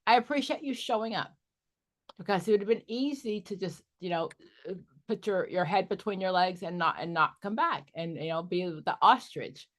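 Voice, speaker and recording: A woman's voice: on the low side, moderate pace. A middle-aged woman coaching an exam prep group, candid and joking with sassy asides. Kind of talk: live online study group.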